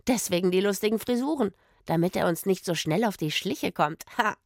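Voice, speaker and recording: A woman's voice: medium pitch, animated, brisk, no room sound, clean studio sound, lightly acted. A woman doing a jolly, boastful man musician. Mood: breezy. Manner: laughing, breezy and boastful. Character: jovial, confident male wandering musician.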